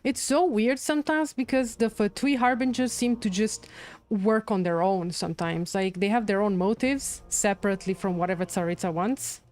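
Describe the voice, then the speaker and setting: A game livestreamer, a woman with a mid-range, slightly mellow voice, talks at a moderate pace over game music. She gives casual commentary on the game's story, reacting as she goes and thinking aloud, often repeating herself and musing.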